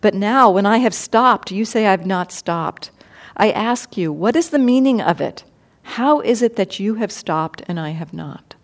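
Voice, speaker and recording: A woman voicing a frustrated, murderous male bandit who shouts after a monk, her pitch jumping high. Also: lively intonation, a little slow, few pauses. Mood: baffled.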